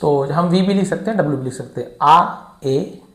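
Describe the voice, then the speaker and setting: A man's voice: on the high side, normal speed. A male teacher explaining spelling step by step, patient and repetitive, voicing his students' questions himself. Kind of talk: classroom-style lesson. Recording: echoey room.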